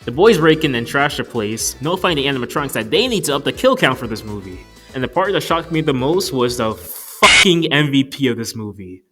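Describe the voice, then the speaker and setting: Speaking briskly with few pauses, the young reviewer's mid-range, fairly bright voice makes big pitch swings. It's a casual, scripted movie review with jokes and casual profanity, set over background music.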